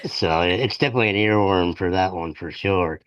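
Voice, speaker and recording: A man hosting an interview, talking in a relaxed, hesitant way with many ums. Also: deep voice, fairly quick, no room sound. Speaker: podcast host. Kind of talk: casual interview. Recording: dull dry lo-fi sound.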